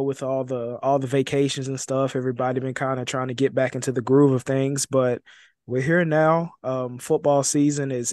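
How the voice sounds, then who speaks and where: A man's voice: medium pitch, a little mellow, no echo. A young man from Texas, co-hosting a sports podcast in an easygoing way, often repeating words. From Dallas, Texas. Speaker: assistant sports editor, co-host. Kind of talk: casual sports podcast chat.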